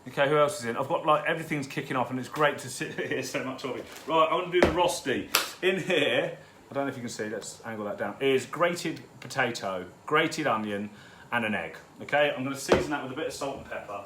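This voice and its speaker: A man's voice: mid-range voice, fairly quick. A man hosting a live cook-along from his home kitchen, chatting loosely with viewers and swearing freely. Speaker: home cooking host. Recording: roomy kitchen with background noise.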